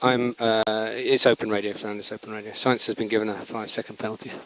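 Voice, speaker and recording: A man's voice: fairly low pitch, flat delivery, fast. A man working as a race engineer, giving clipped, repeated instructions to a driver over race car radio. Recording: noisy team radio with car sounds.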